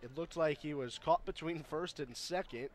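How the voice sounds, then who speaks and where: A man's voice: fairly high pitch, normal speed. A man giving conversational color commentary on a live ball game, somewhat hesitant as he thinks aloud.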